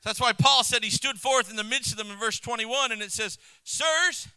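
A male missionary preacher delivering a sermon, telling the story with animation, chuckling between points and swinging into shouts. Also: extremely high pitch, fairly even intonation, a little fast, clean tone, dry recording, poor audio.

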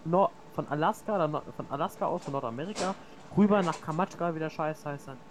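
A man's voice: fairly high pitch, fairly quick, background noise. A young man co-hosting a casual podcast chat, slangy and swearing, often incredulous. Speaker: podcast co-host.

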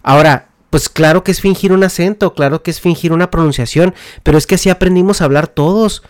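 A man's voice: a little high, quick pace, clear, resonant tone, no room sound, studio quality. Slangy Mexican man, casual podcast talk. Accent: Mexican Spanish. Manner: relaxed, slangy, explanatory, with many fillers and restarts. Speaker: podcast host.

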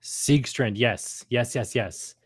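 A man hosts a casual chat about a radio drama episode, speaking hesitantly as he hunts for words. His mid-range voice is husky and slow, captured in clean studio sound with no echo.

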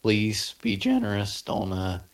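A man's voice: lowish voice, huge pitch swings, a little slow. A young man co-hosting a podcast, rambling and hesitant, his voice cracking now and then. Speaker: podcast co-host. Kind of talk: casual chat.

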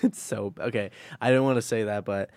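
A low-voiced man talks sports on a podcast mic, excitable and full of jokes. He cuts in on his co-host often. The sound is dry and close, with no room to it. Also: fairly quick, smooth, no room sound. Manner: excitable, joking, interrupts. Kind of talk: casual sports podcast chat. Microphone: studio microphone.

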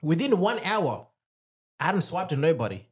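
A man's voice: a little high, very animated, normal speed, husky. An Australian man, a podcast co-host and former dating coach, making emphatic, repeated points and telling stories in casual chat.

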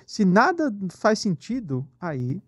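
A man's voice: high voice, wildly swooping pitch, takes it slowly, no room sound, dull audio. A man with a Brazilian Portuguese accent, an insurance executive explaining things as a guest in a casual podcast interview, often checking "entendeu?". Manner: explanatory, many fillers like "entendeu?" and "né?".

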